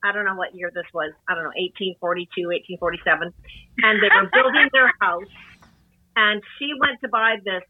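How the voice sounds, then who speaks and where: A woman's voice: mid-range voice, brisk, phone-quality sound, a little hiss or hum. A woman guest on a casual podcast, telling things with wry jokes. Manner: wry, joking. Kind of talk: casual chat.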